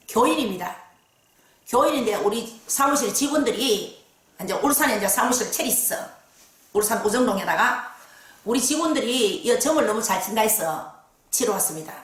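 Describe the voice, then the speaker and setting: Woman fortune teller, Gyeongsang accent, high voice, lively storytelling, very echoey room. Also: recorded from a distance. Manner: lively dialect storytelling, frequent fillers. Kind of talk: storytelling case account.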